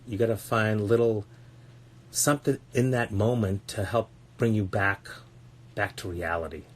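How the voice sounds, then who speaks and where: A man talking as a parenting coach on a casual podcast, blunt and earnest, swearing often and repeating words as he searches for them. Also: lowish voice.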